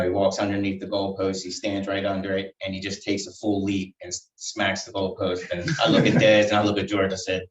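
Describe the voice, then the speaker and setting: A man, a youth football coach, giving a halting tribute at a council meeting with many fillers. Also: low voice. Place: council chamber. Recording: dull, echoey room from far off.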